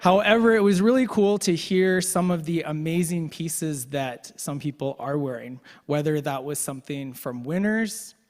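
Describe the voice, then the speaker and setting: A young man with a fairly high voice hosts an evening event. He jokes at his own expense in loose, chatty banter, and his slightly worn voice rings out with the long reverb of a large hall. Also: normal speed, few pauses. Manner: joking, self-deprecating storyteller. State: voice getting worn. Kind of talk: casual emcee banter.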